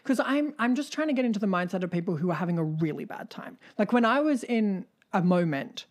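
A woman co-hosting a relaxed podcast conversation, pressing her points with earnest, emphatic energy and dropping the odd swear. Her voice sits in an ordinary middle pitch. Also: a little fast. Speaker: podcast co-host. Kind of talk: casual podcast chat.

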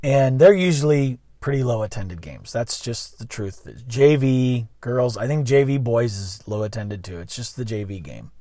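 A mid-pitched man tells a story in a loose, chatty vlog monologue. He rambles, restarts and corrects himself as he goes. The sound is dry, with no room echo. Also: animated, moderate pace, few pauses, warm tone. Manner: rambling, self-correcting, conversational. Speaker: school bus driver and vlogger.

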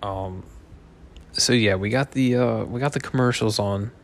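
A slightly drunk man in his thirties rambles through a loose, joking monologue packed with swearing. His voice is lowish and creaky, and he doesn't hurry.

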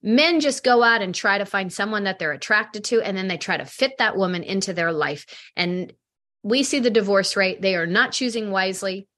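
A woman's voice: medium pitch, moderate pace. A middle-aged woman in an interview, telling client stories and acting out the dialogue with animation. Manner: animated, acts out quoted dialogue. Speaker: matchmaking company head. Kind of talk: interview storytelling.

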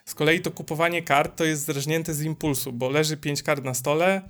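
Animated, swearing man in casual chat. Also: a little high, a little fast. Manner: animated storyteller, swears freely, many fillers. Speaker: podcast co-host.

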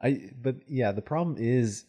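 A man's voice: mid-range voice, a little slow, dark tone, husky. A young man in casual podcast chat, reacting and joking in a laid-back way.

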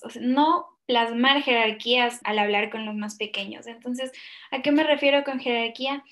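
Woman, fairly high voice, measured, explains step by step. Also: fairly bright tone. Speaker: guest speaker. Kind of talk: explanatory talk.

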